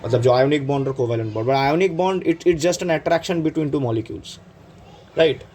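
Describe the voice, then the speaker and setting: Speaking at a medium pitch with a slightly mellow quality, an Indian-accented man teaches chemistry for exam prep over a faint hiss or hum. His constant "right?" checks punctuate a blend of Hindi and English, and he lingers slowly on key terms.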